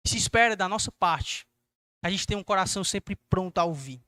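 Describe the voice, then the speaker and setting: A young man preaching a youth service sermon, earnest and exhorting, acting out gentle questions to his listeners. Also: high voice, expressive, brisk, no room sound, studio quality.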